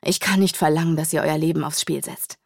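A woman's voice: deep voice, steady tone, fairly quick, creaky, no echo, studio quality. A woman reading a firm, decisive male angel warrior in an audiobook. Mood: resolute.

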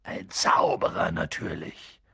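A man reading an audiobook and voicing a huge, hot-tempered but kind male giant who swings between hushed whispers and booming shouts. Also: level tone, slow pace, creaky, breathy edge, dry recording, studio quality, exaggerated voice. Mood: earnest.

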